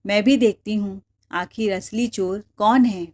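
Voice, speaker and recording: A woman's voice: medium pitch, fairly even intonation, measured pace, a little mellow, lightly acted. A woman voicing a wronged young wife who defends herself in an earnest, firm way. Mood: defiant.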